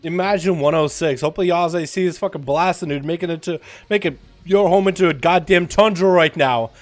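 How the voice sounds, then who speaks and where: A man's voice: a little high, fairly quick, soft background music. A young man chatting casually as a livestream host, with a slangy, swearing frat-bro hype manner. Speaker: video game livestream host. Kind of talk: casual livestream chat and match commentary.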